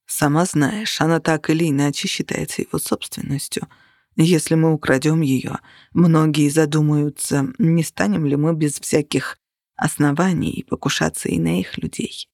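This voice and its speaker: A reader voicing a stern, protective male vampire who speaks low, firm and hushed. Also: steady tone, moderate pace, vocal fry, no echo, clean studio sound, lightly acted.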